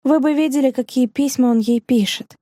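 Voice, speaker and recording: A quick-tempered young woman snaps back defiantly, as a woman reading the audiobook puts her on. Her voice sits higher than the narration and stays mellow and soft-edged. The recording is close and dry, with no room sound. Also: no echo. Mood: indignant. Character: fiery, sharp-tongued young woman.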